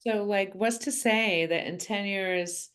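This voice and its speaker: A woman's voice: medium pitch, slow pace, a bit bright, poor audio. A woman in her fifties, an author guest on a podcast, chatting casually with a self-mocking sense of humor and rambling asides. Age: 50s.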